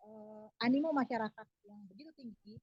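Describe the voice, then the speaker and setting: A woman's voice: a little high, a little fast, breathy edge, no echo, highs cut off. A woman giving a webinar talk over an online call, her voice faint and breaking up, with many hesitations. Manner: many hesitations, filler sounds. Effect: voice breaking up, faint and choppy over a bad online connection. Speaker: speaker presenting a travel business.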